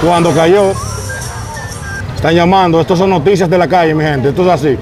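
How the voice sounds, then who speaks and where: A man's voice: fairly high pitch, brisk, over music. A man with a Dominican accent reporting live from a neighborhood street on a lapel mic, talking straight to his viewers. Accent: Dominican Spanish. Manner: energetic, addresses viewers directly. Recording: outdoor street noise.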